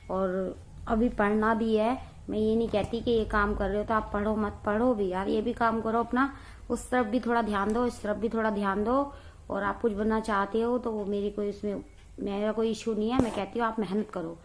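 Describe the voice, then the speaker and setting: A young woman chatting casually to her viewers in a home vlog, talkative and quick to laugh. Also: mid-range voice, a little hiss or hum. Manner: chatty, laughs often, addresses viewers as guys. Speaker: vlogger. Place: home, indoors.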